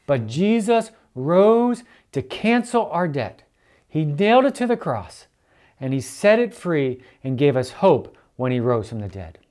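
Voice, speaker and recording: Earnest church elder preaching with lively pitch. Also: unhurried. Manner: earnest, emphatic repetition.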